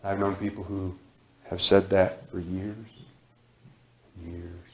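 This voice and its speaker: A man in his thirties preaching a sermon in a church sanctuary, repeating phrases with emphasis and sudden drops to a hush. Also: deep voice, flat delivery, slow pace. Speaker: guest preacher. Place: church sanctuary, large indoor room. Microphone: far camera, room mic. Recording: echoey church hall.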